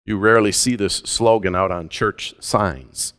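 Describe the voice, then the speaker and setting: A man preaching a sermon as pastor, measured and deliberate, with slow emphatic phrases. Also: fairly low pitch, a bit bright, clean tone, in a large hall.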